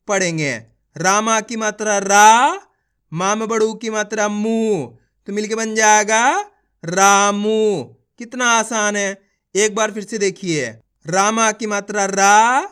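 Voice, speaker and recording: A man's voice: sits high, a bit bright, clear, resonant tone. A man teaching beginners to read, sounding out syllables one by one and blending them into words while encouraging his viewers. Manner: encouraging, repeats instructions to viewers. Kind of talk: beginner reading lesson.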